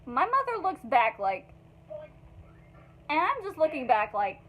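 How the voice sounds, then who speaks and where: Animated high-voiced young woman telling a story. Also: measured pace, rough recording. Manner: animated, profane storytelling with many fillers. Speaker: vlogger. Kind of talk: storytime vlog.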